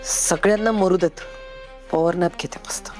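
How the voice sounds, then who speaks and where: An actress playing a tired, irritable police inspector who grumbles and mutters sleepily. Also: female voice, fairly low pitch, fairly even intonation, normal speed, a little mellow, soft background music, lightly acted. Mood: grumbling.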